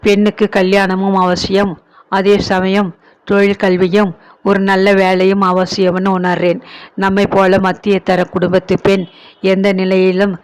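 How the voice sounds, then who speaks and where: A man's voice: high voice, completely flat delivery, unhurried, clear, resonant tone. A man voicing an elderly ailing mother who pleads with her son, emotional and remorseful. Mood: pleading.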